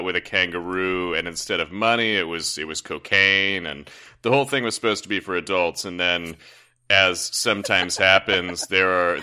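A man co-hosting a podcast in casual chat, rambling and swearing freely in quick bursts. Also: sits low, bright, forceful tone, clear, resonant tone. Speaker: podcast co-host.

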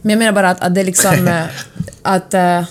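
A woman's voice: on the low side, level tone. A woman from Finland with a Finland-Swedish accent, co-hosting a podcast and discussing things in a casual, conversational way. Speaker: podcast co-host.

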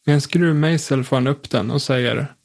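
A man telling a suspenseful first-person story in a calm, measured way. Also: mid-range voice.

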